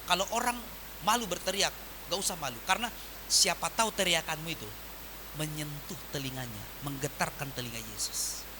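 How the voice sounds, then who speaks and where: A man preaching a sermon as pastor, swinging from loud emphatic lines to quiet soft ones. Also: on the high side, fairly quick, noisy background. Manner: animated preaching with wide swings in volume.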